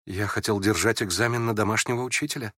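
A man reading aloud and voicing a gentle, timid young prince who speaks softly and hesitantly. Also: lowish voice, steady tone, fast, breathy edge, no room sound, clean studio sound. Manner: soft, hesitant, stammering.

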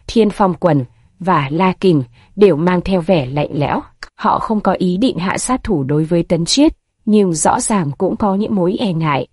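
A woman narrating a martial fantasy novel as an audiobook, at a steady, even storytelling pace. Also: on the low side, no echo, studio quality.

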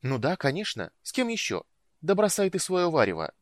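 A man's voice: a little high, huge pitch swings, dry recording, voice pushed up. A man voicing an impatient young woman. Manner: brisk, impatient, teasing. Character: impatient lively young woman, lover of a lord. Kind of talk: audiobook reading.

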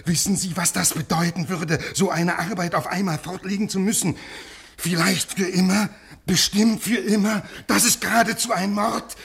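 A man's voice: sits high, fairly even intonation, moderate pace, creaky. An actor playing a desperate fifty-year-old man pleading with an official, in classic radio drama style. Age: 50s. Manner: pleading, swinging from quiet to raised.

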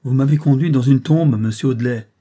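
A furious young noblewoman, voiced by a man, hisses her words through clenched teeth. Her voice runs loud and raised, with a husky, dark grain. She sounds cornered and bitter, like the figure of a storybook. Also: lowish voice, steady tone, normal speed. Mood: anguished.

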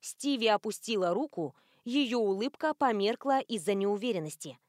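A woman reading an audiobook as narrator in an even, clear storytelling manner. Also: medium pitch, moderate pace, no room sound, studio quality. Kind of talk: scripted narration.

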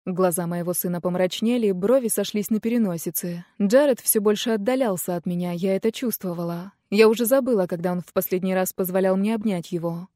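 A woman reading a first-person novel aloud in a quiet, measured, intimate way. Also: mid-range voice, no room sound, clean studio sound. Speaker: audiobook narrator. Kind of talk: first-person audiobook narration.

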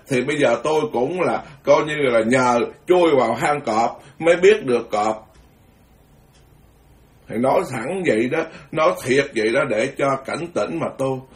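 A Buddhist monk delivers a frank, scolding dharma talk, breaking into chanted sutra verses. His voice sits a little high for a man. He sounds distant from the microphone.

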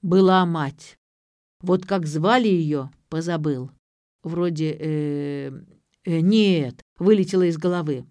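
A woman voicing a drunk, befuddled middle-aged father who talks loudly and rambles in confusion, in a storybook reading. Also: low voice, slow, dry recording. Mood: muddled.

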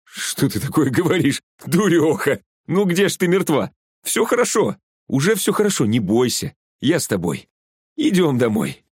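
A man reading an audiobook, voicing an overwrought young man who talks in a raised, excited voice. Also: fairly low pitch, moderate pace, husky, no echo, studio quality. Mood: pleading.

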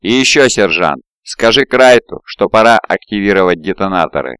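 A man voicing a cold, commanding male warrior lord who gives measured orders. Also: lowish voice, animated, a bit bright, clear, resonant tone, no echo, studio quality.

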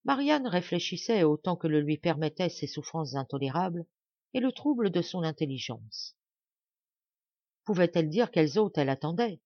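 A woman reading a classic novel aloud as an audiobook narrator, measured and dramatic. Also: on the low side, big pitch swings, no room sound, lo-fi sound. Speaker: audiobook reader. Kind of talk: scripted narration.

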